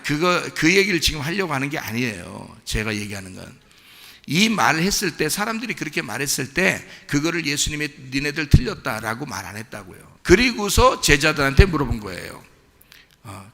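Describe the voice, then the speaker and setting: A male pastor delivers a conversational sermon, his voice bright and slightly gravelly, rising and falling in lively swings. He keeps checking in with the congregation through questions. The sound trails off in the long reverb of a church sanctuary. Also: fairly high pitch.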